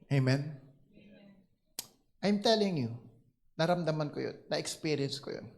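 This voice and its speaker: A male pastor with a Filipino accent, preaching and telling a personal story with animated delivery and English phrases mixed in. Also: on the high side, a little slow.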